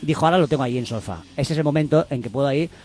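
A man hosting a comedy show, reading the news aloud with sardonic, deadpan asides. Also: mid-range voice, rapid-fire, soft background music. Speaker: host.

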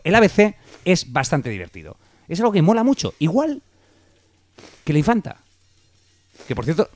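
A man's voice: fairly high pitch, no room sound. A man co-hosting a casual comedic chat about the news, playful and rambling. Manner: animated, playful, rambling asides. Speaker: podcast co-host.

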